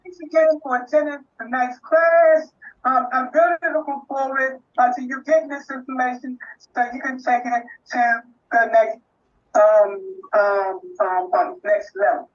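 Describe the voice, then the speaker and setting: Sixties male instructor, slow and halting with lots of fillers, dull lo-fi sound. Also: extremely high pitch, steady tone. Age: 60s. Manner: halting, many fillers and restarts. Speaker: nonprofit class instructor. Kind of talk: live online class wrap-up.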